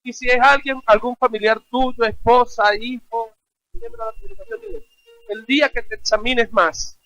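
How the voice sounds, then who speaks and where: A male pastor preaching with a high, ringing voice, recorded dry and close with almost no room sound. He drives his point with rhetorical questions and emphatic repetition. He calls on the congregation to say his lines back. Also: steady tone, moderate pace, pushed and bright, no room sound, faint music behind, low-quality recording. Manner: exhorting, has the congregation repeat phrases. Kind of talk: sermon.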